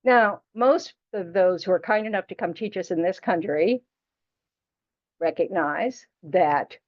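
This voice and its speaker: Her voice on the low side and her pace measured, a woman leads a small class in Buddhist practice. She keeps it casual, chatty and frank, teasing students and using "you know" a lot, and the class recording is dull and lo-fi.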